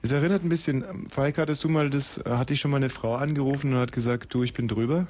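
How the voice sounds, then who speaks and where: A male radio host chats live on air. He jokes, laughs often and narrates what is happening in the studio like a sportscaster. His voice sits at a middle pitch. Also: steady tone, quick pace, a little mellow. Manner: joking, frequent laughter, mock play-by-play.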